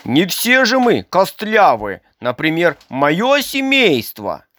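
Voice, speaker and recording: A haughty, touchy fish from a children's story, who sniffs and snorts at every answer as a reader puts her on. She speaks slowly and with wide swings of pitch. It is a close, dry recording. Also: wildly swooping pitch, fairly bright tone, no echo, exaggerated voice. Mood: indignant. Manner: snorting, indignant. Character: big haughty female fish, touchy and proud. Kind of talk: storybook reading.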